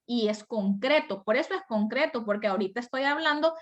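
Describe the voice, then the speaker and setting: A Salvadoran woman teaches a class over a video call, talking through each point and posing questions that she answers herself. Her voice sits fairly high for a woman. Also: expressive, a little fast, lo-fi sound. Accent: Salvadoran Spanish. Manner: explanatory, asks and answers her own questions. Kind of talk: online class lecture.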